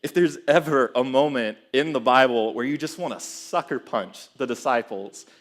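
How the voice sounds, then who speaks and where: A young adult man preaching a sermon in a casual, animated way, chuckling as he tells stories. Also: mid-range voice, normal speed.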